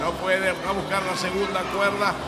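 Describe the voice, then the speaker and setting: High-voiced Argentine man calling wrestling. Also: little pitch movement, moderate pace, heavy background noise. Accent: Argentine Spanish. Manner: emphatic, repeats words for effect. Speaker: wrestling commentator. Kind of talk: excited play-by-play commentary.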